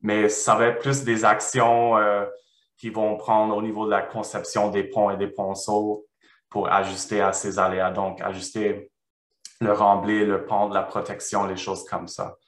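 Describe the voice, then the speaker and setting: A man with a foreign accent, a non-native French speaker, presenting research and answering questions haltingly as he searches for words. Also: fairly low pitch, monotone. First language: not French. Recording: roomy, echoing sound.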